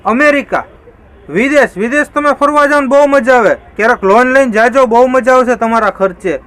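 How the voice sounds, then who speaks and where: A young married man hosting a comedy channel, telling jokes in a lively monologue and voicing the people in them. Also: extremely high pitch, a little fast, some chatter behind, rough recording. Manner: lively storyteller, slips into voiced quotes.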